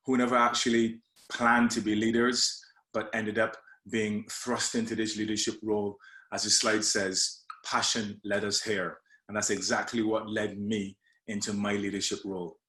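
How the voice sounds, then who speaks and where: A man's voice: lowish voice, a bit bright, reverberant. A man from Barbados, a coach giving a friendly leadership presentation with slides, often hesitating with fillers and restarts.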